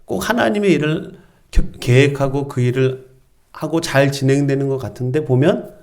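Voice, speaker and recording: A man's voice: medium pitch, normal speed, a little mellow. A middle-aged male pastor preaching a sermon, telling a story with emphatic, varied delivery.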